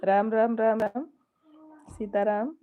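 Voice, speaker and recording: A woman's voice: a little high, flat delivery, slow pace, phone-quality sound. A woman who sings folk songs, chatting casually on a live stream with an Awadhi-tinged Hindi accent, reading viewer comments aloud, chuckling often and trading devotional greetings. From Awadh region of India.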